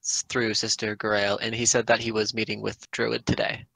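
A man's voice: fairly low pitch, monotone, a little fast, creaky, pushed and bright, no echo, rough recording. A man taking part in a tabletop game, talking casually as a player in role-play.

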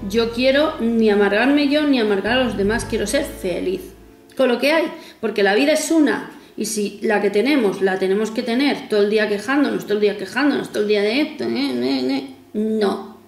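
A woman vlogger in her 40s rambles casually to camera in a fairly high, brisk voice, tossing in self-mocking asides. She's in an echoey room with faint music playing.

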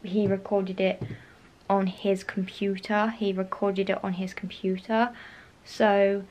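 A woman's voice: mid-range voice, level tone, takes it slowly, a little mellow, a little hiss or hum. A young woman in her bedroom talking to a handheld camera in a casual vlog, rambling, repeating herself and sometimes sinking to a whisper. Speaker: vlogger. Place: bedroom at home, indoors. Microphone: handheld camera close to face.

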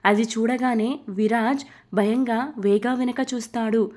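Woman, storyteller, slightly high voice, steady storybook narration. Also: unhurried.

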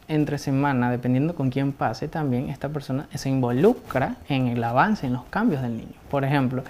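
Guy, psychologist guest, calm and explanatory, keeps asking "right?". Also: medium pitch. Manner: measured, explanatory, tag questions. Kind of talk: explanatory interview answers.

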